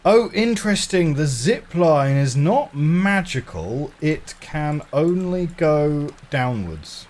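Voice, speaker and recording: A man's voice: a little high, very animated, slow pace, hardly any pauses, darkish tone. A man giving casual video game commentary, wryly musing aloud to himself as he plays. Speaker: gamer.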